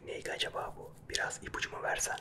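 Male ASMR creator, whispers softly and quietly for late-night listening, playful game chat. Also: quick pace. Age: 30s. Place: small dim room at a desk, indoors. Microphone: close microphone with furry windscreen.

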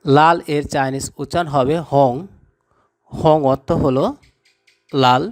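A man with a fairly high voice runs a vocabulary lesson. He goes very slowly, naming each word and then repeating it with measured patience. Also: fairly even intonation. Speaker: language teacher.

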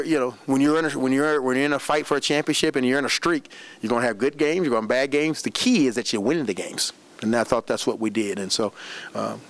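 A middle-aged man, a head basketball coach, answering questions after a game at a press room desk microphone, animated and repeating words as he talks. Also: mid-range voice. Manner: animated, repeats words, fast run-on talk. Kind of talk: post-game press conference. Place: press room in front of a backdrop. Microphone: desk microphone on a stand.

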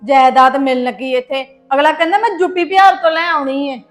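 A woman's voice: sits high, steady tone, a little fast, roomy sound, soft background music, close to an everyday voice. A woman playing an angry young wife and schoolteacher ranting about her in-laws. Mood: indignant. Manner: indignant, ranting. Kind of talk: Punjabi family web drama.

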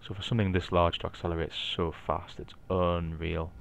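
Here a Geordie-accented man narrates his flight sim session in a gravelly, low-pitched voice at normal speed. As a video maker doing a casual walkthrough, he stays relaxed, talks through each step, thinks aloud and drops in the odd light aside.

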